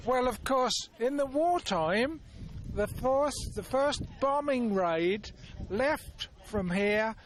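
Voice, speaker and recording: This woman presents on location and interviews people in a chatty manner, her slightly high voice lively but unhurried. Faint outdoor noise and nearby vehicles can be heard.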